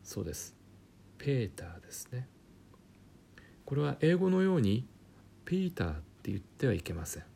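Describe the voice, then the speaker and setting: A man teaching German pronunciation in a chatty, joking way, often dropping to a quiet aside. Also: mid-range voice, very animated, normal speed, vocal fry, long pauses, slightly rough. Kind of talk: casual spoken lesson with jokes.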